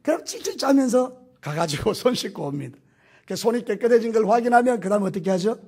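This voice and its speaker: Male pastor, high husky voice, lively swinging delivery, questions the congregation directly. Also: fast. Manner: acts out quoted voices. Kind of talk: Sunday morning sermon. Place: church sanctuary.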